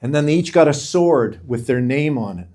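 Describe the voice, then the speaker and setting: A man's voice: medium pitch, lively intonation, normal speed, dark tone. Earnest middle-aged man giving a rousing talk. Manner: earnest, preacher-like, emphatic cadence. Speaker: speaker at a men's gathering. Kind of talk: inspirational talk.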